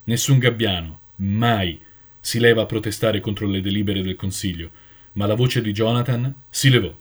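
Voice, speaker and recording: A man reading a story aloud with dramatic, expressive narration. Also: on the low side, normal speed.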